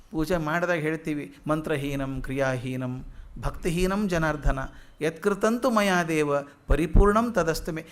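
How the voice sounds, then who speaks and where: A man with a fairly high voice lectures in a hall. He recites verses slowly, then unpacks them in plain conversational talk, posing questions to his listeners and answering them himself. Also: fairly bright tone. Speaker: lecturer on philosophy. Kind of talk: public lecture explaining verses.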